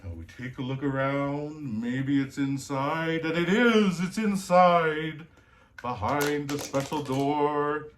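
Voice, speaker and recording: A man's voice: a little high, slight background noise, pitched above the performer's own voice. A man playing a jolly old Santa Claus, telling children's stories in a hearty, theatrical manner. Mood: jolly, welcoming. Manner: slow, hearty, theatrical delivery. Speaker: storyteller host. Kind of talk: cheerful children's storybook reading.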